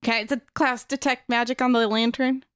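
A woman's voice: a little high, flat delivery, fairly quick, smooth. A woman playing a tabletop game, casually improvising her character's reactions. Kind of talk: casual improvised role-play.

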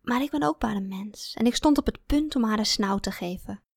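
A woman's voice: on the high side, brisk, creaky, darkish tone, no room sound. Woman reading a first person story, kinda introspective, dry booth sound. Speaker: audiobook narrator. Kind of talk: first-person scripted narration.

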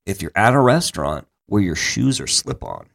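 A man's voice: low-pitched, sing-song, moderate pace, vocal fry, slight background noise. A man co-hosting a podcast in casual chat, joking and swearing, often stumbling over repeated words as he starts a thought. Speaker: podcast co-host.

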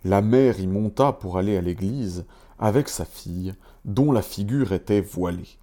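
Low, mellow male storyteller. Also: measured pace. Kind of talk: fairy tale reading.

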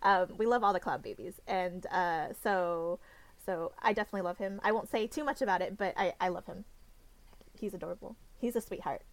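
A woman's voice: on the low side, a little fast, dry recording. A young woman talking casually and enthusiastically about favorite characters, full of fillers and restarts. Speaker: podcast co-host discussing novels. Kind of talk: casual fan discussion.

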